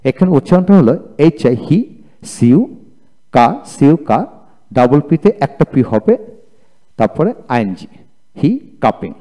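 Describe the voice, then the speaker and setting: Man slowly spelling words in a lecture. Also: medium pitch, animated, mellow. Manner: repeats each word slowly and spells it letter by letter. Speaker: English teacher. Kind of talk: video lecture.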